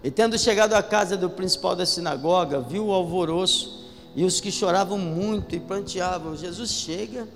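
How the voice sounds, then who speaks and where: A man's voice: high voice, normal speed. A man with a Brazilian Portuguese accent preaching a sermon as pastor, emphatic and calling out to the congregation. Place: church hall. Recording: echoey hall with faint music.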